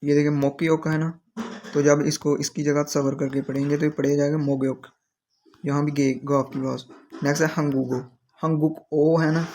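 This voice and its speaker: A man teaching Korean vocabulary, explaining each word slowly and repeating it. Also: on the high side, creaky, darkish tone.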